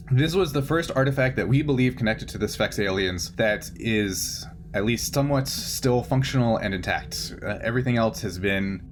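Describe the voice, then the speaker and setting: At medium pitch, with a bit of hiss or hum on the recording, a man runs a tabletop roleplaying game as its game master. He improvises his narration and frequently hunts for the right words.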